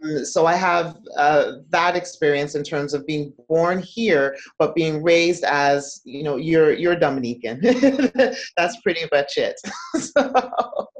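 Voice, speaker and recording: A woman from Toronto, a psychologist and guest in an interview, speaking in a measured, explanatory way. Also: low-pitched, poor audio. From Toronto, Canada. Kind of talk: casual interview chat.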